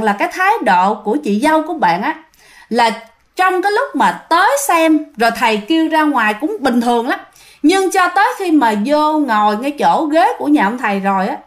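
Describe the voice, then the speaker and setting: Here a woman with a fairly high-pitched voice and a Southern Vietnamese accent spins a ghost story. She stretches it out conversationally and often turns to address her audience.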